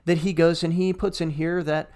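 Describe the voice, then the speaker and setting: A man's voice: a little high, little pitch movement, moderate pace, darkish tone. A man co-hosting a casual podcast discussion who reads passages aloud and comments on them wryly. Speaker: podcast co-host.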